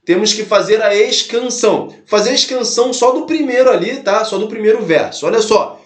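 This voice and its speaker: A man's voice: high voice, brisk, roomy sound. A man teaching an exam-prep lesson, explaining step by step, repeating his points and checking in with his students. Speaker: Portuguese teacher.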